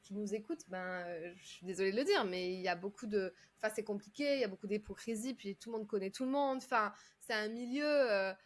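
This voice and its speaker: A woman's voice: mid-range voice, fast, hardly any pauses. A woman from France, a public speaking coach, telling her story in a casual, chatty interview, with lots of fillers and restarts.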